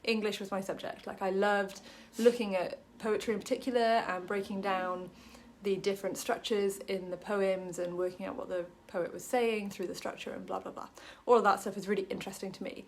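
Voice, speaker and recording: With slight background noise behind her, a woman from Wales speaks in a medium-pitched voice, delivering a chatty Bible study talk to camera. She says um a lot and makes light jokes about herself.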